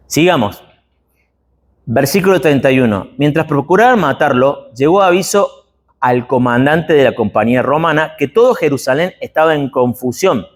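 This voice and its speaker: A man with an Argentine Spanish accent preaching an expository sermon in a church, chatty and asking his listeners rhetorical questions. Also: fairly high pitch. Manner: conversational, asks the congregation rhetorical questions.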